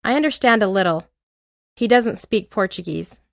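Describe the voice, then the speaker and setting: A woman reading an English lesson aloud, with clear, deliberate drill phrases and an American accent. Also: mid-range voice, expressive, no echo, clean studio sound. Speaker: English teacher. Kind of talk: slow scripted lesson reading.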